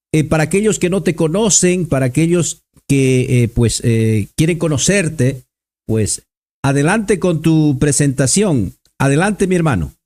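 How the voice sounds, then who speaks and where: Slightly high-voiced male religious program host. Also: a little mellow. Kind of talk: religious interview hosting.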